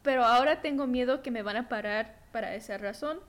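A woman co-hosting a casual podcast, talking hesitantly with many ums and pauses. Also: fairly high pitch. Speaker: podcast co-host. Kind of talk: casual chat.

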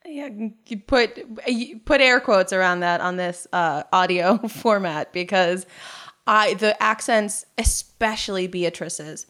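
Female co-host, medium pitch, chatty, thinks out loud. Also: slow. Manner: chatty, filler-heavy, musing aloud. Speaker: podcast co-host. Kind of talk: casual chat.

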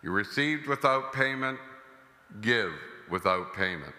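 Priest in a cathedral echo. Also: male voice, mid-range voice, expressive, pushed and bright. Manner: slow, deliberate delivery. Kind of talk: gospel reading and homily. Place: large church. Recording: cathedral echo, long reverb.

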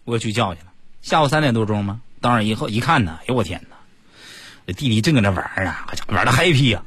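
A comedian telling funny stories in an animated comic monologue, stammering now and then. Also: male voice, on the low side, rapid-fire, slightly rough, no echo.

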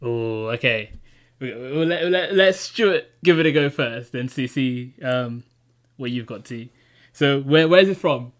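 Mid-pitched young man chatting. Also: unhurried. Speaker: podcast panellist. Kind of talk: casual chat.

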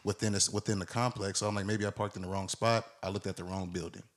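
A man in his twenties, a podcast co-host, telling a long story in a casual, animated way and acting out the people in it. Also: fairly low pitch, quick pace.

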